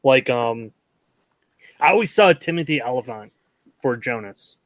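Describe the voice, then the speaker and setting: A man hosts a casual movie review podcast, chatty and giggly with plenty of fillers, leading the conversation and asking the others for their picks. His voice is medium-pitched, animated and unhurried.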